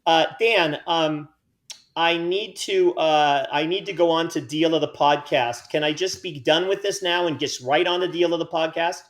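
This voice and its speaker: A man hosting a podcast in a loose, chatty way, full of teasing and self-mockery. His voice sits a little higher than most men's. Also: normal speed. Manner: joking, self-mocking banter. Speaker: podcast host. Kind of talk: casual podcast chat.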